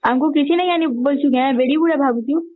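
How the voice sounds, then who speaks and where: Talking fast in a high-pitched voice, a daughter fires off accusations during a family phone argument that was recorded. She's young, colloquial and openly confrontational.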